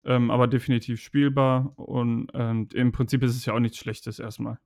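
A man's voice: mid-range voice, level tone, normal speed, creaky, a little mellow, no echo, clean studio sound. A man chatting casually on a podcast about a video game, talking in a rambling, hesitant way with many fillers.

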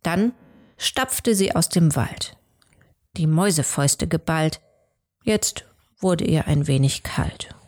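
A woman storyteller narrating a rhyming storybook, measured and sometimes hushed. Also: low-pitched.

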